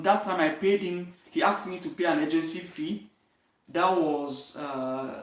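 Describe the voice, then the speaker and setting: A young Nigerian man with a Nigerian accent, hosting his channel and earnestly telling his life story, often checking in with "you understand?". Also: on the high side. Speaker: channel host. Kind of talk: direct-to-camera life story talk. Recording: roomy echo, voice from a distance.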